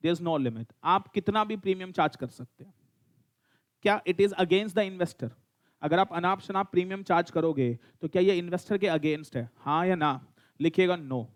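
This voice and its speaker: A middle-aged man with an Indian accent teaching a law class, mixing in English and quizzing and teasing his students as he goes. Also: high-pitched. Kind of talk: classroom lecture.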